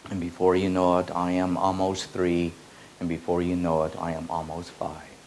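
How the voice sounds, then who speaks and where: In a very low, darkish voice, a man gives a slow, meditative spiritual teaching, repeating lines like an incantation. He speaks in a monotone with barely any pitch change, and faint old-tape hiss runs beneath.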